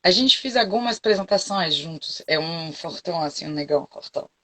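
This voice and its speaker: A woman's voice: fairly low pitch, animated, brisk, pushed and bright. A French woman with a French accent, a forró dance teacher chatting frankly as an interview guest and often checking that she is understood. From France. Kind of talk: casual interview chat.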